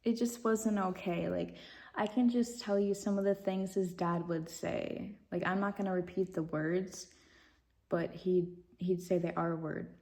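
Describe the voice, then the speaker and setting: A young woman tells a personal story to her vlog audience at an unhurried pace. Her voice is dark and mellow with a gravelly fry running through it. She rambles casually with fillers and lets out nervous giggles. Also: fairly low pitch, fairly even intonation. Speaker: vlogger.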